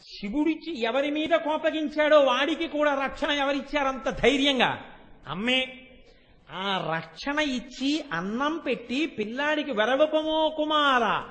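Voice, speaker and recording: A man giving a devotional storytelling sermon, asking his listeners rhetorical questions and reciting verses in a slow chant. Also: extremely high pitch, expressive, fairly bright tone, in a large hall. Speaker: religious discourse speaker.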